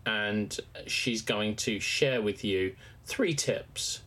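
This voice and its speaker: A man's voice: on the low side, extremely slow, sharp tone. A man with an English West Country accent talking alone as a podcast host, explaining things to listeners. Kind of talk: solo podcast talk, explanatory.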